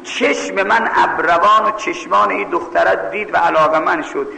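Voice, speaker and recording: Gravelly preacher in an echoing hall. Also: male voice, high voice, fairly even intonation, sharp tone, a little hiss or hum. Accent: Mashhad Persian. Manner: emphatic, scolding, acts out voices. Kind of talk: sermon with story telling. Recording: echoey hall with long reverb, faint ambience.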